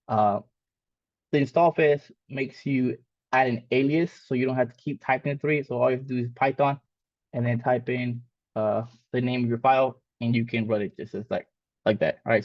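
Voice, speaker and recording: Here a coding instructor, a man born in Mexico whose first language is Spanish, casually leads a live lesson, rambling with many fillers and false starts. His voice is mid-range, and the recording is dry, dull, and lo-fi.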